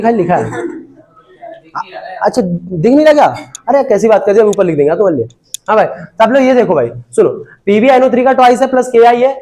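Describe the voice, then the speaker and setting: A man with a high voice teaches chemistry to a room of students. He jokes with them and keeps asking if they understood. His delivery stays casual and chatty throughout. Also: darkish tone. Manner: casual, joking, constantly checking if students understood. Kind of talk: classroom chemistry lesson. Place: classroom with students.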